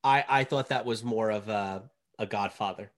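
A woman's voice: rumbling low, moderate pace. A woman with a cold on a podcast, sneezy and teasing, chatting casually. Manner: teasing, talks through a stuffy sneezy nose. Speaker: podcast co-host. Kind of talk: casual chat.

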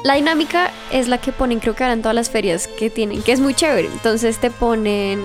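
Animated high-voiced woman. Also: a little fast, over music. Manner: animated storyteller, acts out voices and shouts, laughs a lot. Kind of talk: casual chat, storytelling.

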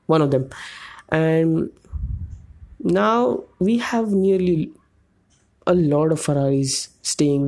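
A man's voice: fairly high pitch, mellow. A man hosting a solo podcast, talking in a loose, rambling way and searching for words mid-sentence. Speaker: podcast host. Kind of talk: casual solo podcast monologue.

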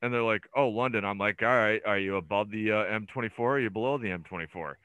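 A man's voice: on the low side, fast, fairly bright tone, clear, resonant tone, no echo, muffled recording. A man chatting as a podcast guest, rambling through stories with lots of fillers and restarts. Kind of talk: casual chat.

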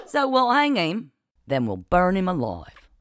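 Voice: mid-range voice, huge pitch swings, a little slow, no echo, studio quality, voice pushed up. A storybook reader voicing Kit, a blunt and bitter young woman captive with a taste for harsh revenge. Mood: eager.

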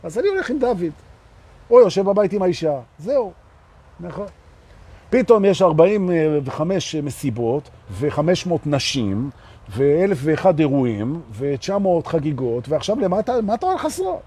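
Animated, self-mocking man teaching. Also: on the high side, slightly rough. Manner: playful and self-mocking, shifting between joking asides and slow emphatic teaching. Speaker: spiritual teacher. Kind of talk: live spiritual talk broadcast.

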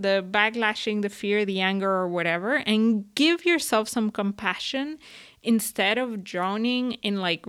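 A woman's voice: medium pitch, fairly bright tone, clean tone, no room sound, clean studio sound. A woman giving casual, chatty self-help advice to her audience, with many fillers and frequent laughs.

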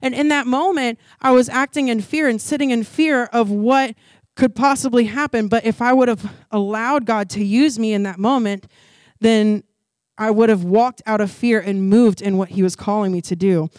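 A woman's voice: a little high, steady tone, normal speed, darkish tone, no echo. A woman preaching a sermon in a conversational way, full of "like" and "y'all", rising into emphatic preaching at key points. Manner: conversational, often says "like" and "y'all". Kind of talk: youth sermon.

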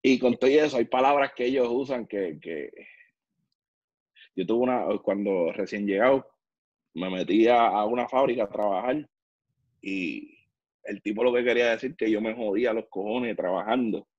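Play a Puerto Rican man telling stories as a podcast guest. Keep your voice low and a little husky. Be blunt and slangy. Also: normal speed, darkish tone, no echo, muffled recording. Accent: Puerto Rican Spanish. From Puerto Rico. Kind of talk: casual storytelling conversation.

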